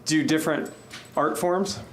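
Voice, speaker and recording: A man's voice: fairly high pitch, measured pace, slight background noise. Rambling man telling band stories. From Tacoma and Spokane, Washington. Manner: rambling, animated storyteller with restarts. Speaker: musician guest. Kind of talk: casual interview chat.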